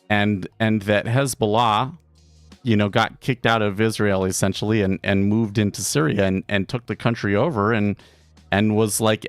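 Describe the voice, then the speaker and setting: A man hosting a live day trading stream from his home office, talking casually and haltingly, often repeating words. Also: fairly low pitch, dry recording. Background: faint background music.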